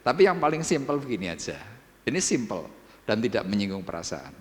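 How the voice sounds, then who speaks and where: A man with a Javanese accent preaching a sermon, swinging from soft asides to loud outbursts and questioning the congregation. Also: lowish voice, sing-song, a little fast, long reverb tail, a little hiss or hum. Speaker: pastor. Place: church hall.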